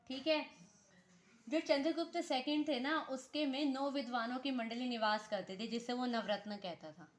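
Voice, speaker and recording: A woman teaching an exam-prep history lesson, asking questions and answering them herself, repeating key names and often saying "theek hai" with small self-corrections. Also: on the high side.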